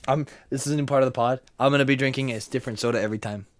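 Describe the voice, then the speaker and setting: Young dude cohosting a chill pod, goofy, laughs a ton, dry mic. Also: male voice, mid-range voice, fairly even intonation, very fast, dry recording. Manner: jokey, laughs a lot, drops to whispers. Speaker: podcast co-host. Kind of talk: casual chat.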